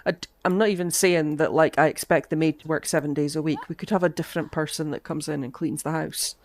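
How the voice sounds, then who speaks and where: A game streamer chats casually over her gameplay, thinking aloud with soft asides while a lingering cough keeps breaking up her voice. She sits low in pitch, keeps a steady tone, and talks at a quick pace.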